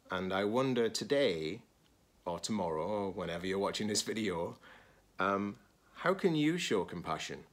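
Reading from a children's picture book, this low-pitched middle-aged man, who works as a teacher-librarian, proceeds deliberately in brief phrases separated by pauses.

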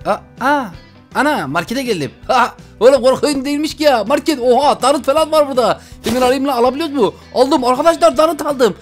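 Excitable high-voiced male gamer. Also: fast, faint music behind. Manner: excitable, exclaiming, talks to viewers. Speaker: gaming YouTuber. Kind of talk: let's play commentary.

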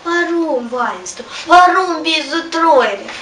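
A woman's voice: high-pitched, lively intonation, slow, fairly bright tone, slight background noise, full character voice. A young woman with a Ukrainian accent playing a worried king who pleads with his weeping daughter, in a school play. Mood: pleading. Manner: pleading, earnest. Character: fussing, worried old king and father. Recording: echoey room from far off, music behind.

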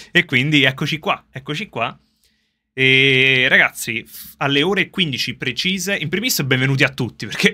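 A man chatting casually to his viewers on a livestream from a soundproofed underground gaming room, excitable and quick to laugh. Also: mid-range voice. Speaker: streamer reacting live to a game reveal. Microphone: streaming setup with facecam.

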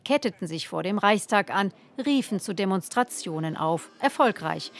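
A woman reading a scripted news report as a voice-over, measured and clear. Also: mid-range voice, slight background noise.

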